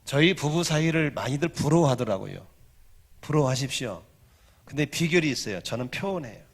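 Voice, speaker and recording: A pastor in his sixties delivers a Sunday sermon in a gravelly, somewhat high-pitched voice. He is emphatic and drops to hushed asides, then climbs to loud, rousing exhortation. He leads the congregation in call-and-response. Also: animated, brisk. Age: 60s. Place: church sanctuary.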